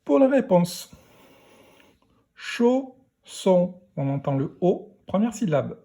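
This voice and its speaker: A man teaching young children to read, sounding out syllables slowly and deliberately. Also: high-pitched, very animated, vocal fry, warm tone. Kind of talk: reading lesson for young children.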